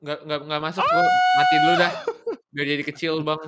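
A man hosting a casual gaming session with friends, joking, teasing and getting excited. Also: fairly high pitch, moderate pace, heavy background noise. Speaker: gaming channel host.

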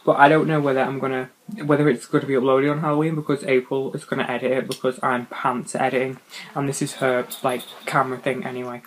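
A man's voice: medium pitch, flat delivery, fast talker, poor audio. Young man chatting while eating. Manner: chatty, swears casually, talks while eating. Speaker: vlogger. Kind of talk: casual mukbang chat. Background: faint party noise.

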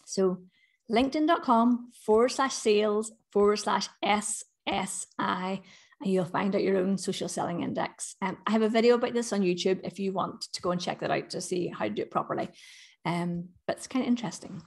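Northern Irish woman, middle-aged, chatty webinar coach, medium pitch, upbeat. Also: a little fast, vocal fry. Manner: chatty, upbeat, lively emphasis. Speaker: business coach. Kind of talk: webinar presentation.

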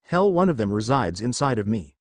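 A man's voice: mid-range voice, big pitch swings, a little fast, no room sound, studio quality. A man voicing a cocky young male demon fighter, with a smug, teasing drawl.

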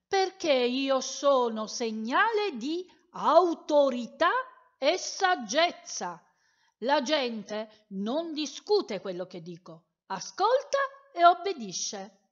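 A woman's voice: sits high, lively intonation, slow, pitched above the performer's own voice. A woman voicing a tall, proud male color who speaks with lofty superiority in a children's story, recorded with a dull lo-fi sound. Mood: haughty. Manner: grandly superior, loud and lofty.

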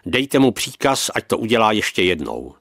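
A man's voice: fairly low pitch, very animated, no echo, studio quality, exaggerated voice. A man reading the lines of an angry male prison commander in an audiobook, bossy and raised. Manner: shouting, bossy.

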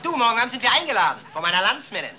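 An actor playing a fussy, nervous waiter in a 1950s film. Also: male voice, very high-pitched, sing-song, pushed and bright, lo-fi sound, exaggerated voice. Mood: flustered. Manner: fussy, quick-talking. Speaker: Fritz, a waiter. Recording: old film soundtrack with hiss.

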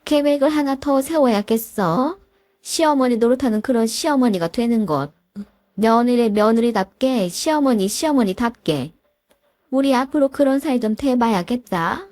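A woman's voice: a little high, lively intonation, normal speed, a little mellow, no echo, voice pushed up, lightly acted. A woman voicing a domineering, scolding older mother-in-law in a commanding tone.

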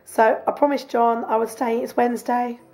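A chatty woman talks to camera from her sofa at home, her fairly high voice hoarse and croaky from a lingering cough. She rambles easily between topics and breaks into laughter. Faint music plays under her voice. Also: little pitch movement, moderate pace, a little mellow, poor audio. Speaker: vlogger. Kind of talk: chatty video diary. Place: home, sofa in front room.

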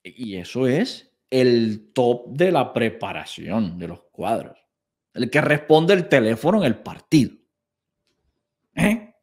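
A man's voice: mid-range voice, sing-song, slow pace, darkish tone, husky. A man commenting on played clips, sarcastic and indignant, mockingly repeating quoted phrases. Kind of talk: video commentary.

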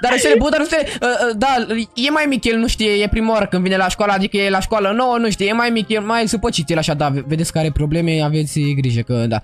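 A seventeen-year-old boy chatting excitedly and bossily while playing a school role-play game. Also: high-pitched, hardly any pauses. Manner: excitable, bossy, repeats "bă" constantly.

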